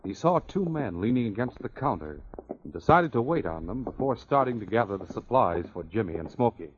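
A male narrator with a fairly low voice reads scripted old-time radio narration. The recording is dull with faint hiss. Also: very animated, a little fast.

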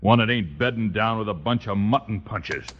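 An actor playing a surly, threatening cattle rancher in an old radio western. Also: male voice, lowish voice, a little fast, close to an everyday voice. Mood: menacing. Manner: threatening, sneering drawl. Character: Baldy Matson, surly hostile cattle rancher. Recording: muffled old radio recording.

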